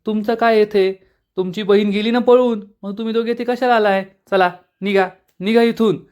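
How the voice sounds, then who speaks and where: A contemptuous, bratty young man who barks orders and sneers, voiced by a man retelling a serial. His voice rides up high and loud as he mocks. The delivery sounds like a home-made soap recap. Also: normal speed, lo-fi sound, natural voice. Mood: scornful. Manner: shouting, contemptuous. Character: rude spoiled young man, Pranjal.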